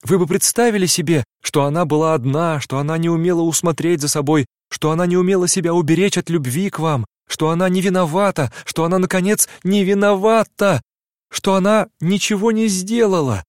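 A man's voice: sits high, a little fast, no echo, studio quality, natural voice. A man reading an audiobook, voicing a tearful, heartbroken young woman who pleads in impassioned outbursts. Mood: pleading.

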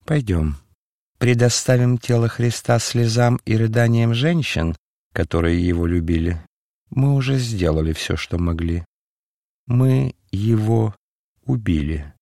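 A man voicing a mysterious male stranger who speaks calmly, dispassionately and with faint mockery. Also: fairly low pitch, a little slow, dry recording, studio quality. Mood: calm, solemn. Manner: calm, dispassionate, faintly mocking. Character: mysterious calm male stranger, cryptic and mocking.

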